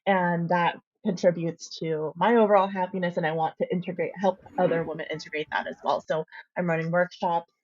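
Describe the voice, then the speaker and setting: Low-voiced woman on a dull recording. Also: fairly even intonation, a little fast, hardly any pauses, darkish tone. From Philippines. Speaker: interviewee. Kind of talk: casual interview answers.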